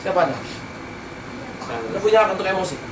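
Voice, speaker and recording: A man's voice: sits high, fast, gravelly. A man giving a motivational business seminar talk in a casual way, often asking the audience rhetorical questions. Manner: colloquial, keeps quizzing the audience with rhetorical questions. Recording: roomy hall, distant mic, background noise.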